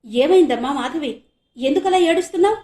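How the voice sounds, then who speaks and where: A woman's voice: sits high, normal speed, a little mellow, echoey room, voice pushed up, lightly acted. A woman voicing an anxious middle-aged father who speaks with agitated urgency. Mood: worried.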